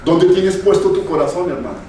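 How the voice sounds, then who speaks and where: A male preacher with a high voice delivers an emphatic sermon, hammering points home by repeating them. He is heard from a distance in a church hall with heavy echo. Faint room noise sits under the voice. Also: expressive, fairly quick, dark tone. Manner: emphatic, repeats phrases for stress. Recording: very echoey hall, voice far off.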